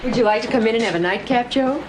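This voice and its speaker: An actress playing a sheltered, charming young woman with a soft, amused manner, in 1950s film dialogue. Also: on the high side, fast, background noise, natural voice. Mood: gentle. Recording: 1950s film soundtrack with music.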